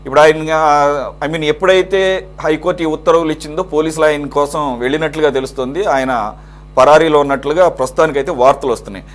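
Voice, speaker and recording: A man's voice: fairly high pitch, fast talker. A male news anchor recapping events and then putting questions to the panelists. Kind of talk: moderating a televised debate.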